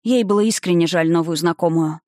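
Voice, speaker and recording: A woman reading a fantasy novel aloud in a lively storytelling manner. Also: fairly low pitch, brisk, dry recording, studio quality. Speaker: audiobook narrator. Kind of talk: scripted fantasy narration.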